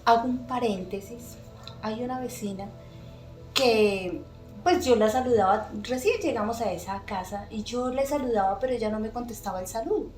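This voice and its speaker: A middle-aged woman giving an earnest, emotional personal faith testimony as a podcast guest, pausing often with soft fillers. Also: on the high side. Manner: earnest, emotional storytelling with many pauses and fillers. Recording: echoey room with faint music.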